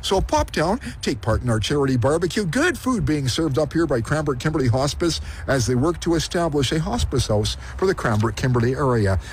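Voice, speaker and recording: A man's voice: on the high side, sing-song, a little fast, hardly any pauses. A man hosting a live promotional radio remote on location. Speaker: radio host on a remote broadcast. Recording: noisy on-location broadcast.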